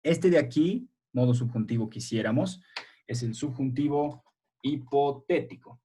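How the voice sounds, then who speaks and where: A man's voice: medium pitch, a little slow, dark tone, a little hiss or hum. A male primary school teacher leading a remote class over a video call, explaining patiently step by step and quizzing his pupils.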